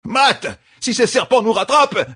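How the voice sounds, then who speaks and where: A man reading an audiobook, voicing a nervous old man who shouts urgent warnings. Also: very high-pitched, expressive, unhurried, breathy edge, no echo, clean studio sound, voice pushed up, heavily acted.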